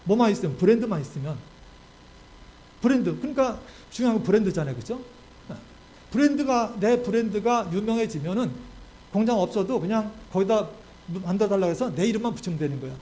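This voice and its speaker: A male pastor preaching a sermon in a church, animated and constantly checking in with the congregation through rhetorical questions. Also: sits high, a little fast, slight background noise. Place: church sanctuary.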